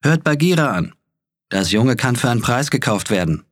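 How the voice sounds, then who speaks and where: A man voicing a pack of hungry young wolves in an audiobook, loud and jeering. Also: medium pitch, animated, moderate pace, voice pushed up, natural voice. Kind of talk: audiobook character voice.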